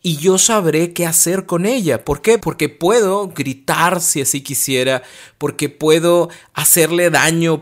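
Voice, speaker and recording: A man speaks in a slightly high voice, giving a motivational lesson. He explains each point earnestly and often asks a question and then answers it himself. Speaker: speaker on emotional intelligence. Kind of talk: motivational talk.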